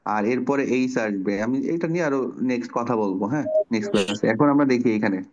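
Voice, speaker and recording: A Bangla teacher runs an online class for children, patiently walking the pupils through pronunciation step by step and asking them questions. He has a mid-range, slightly mellow voice and talks fast, though the audio sounds dull.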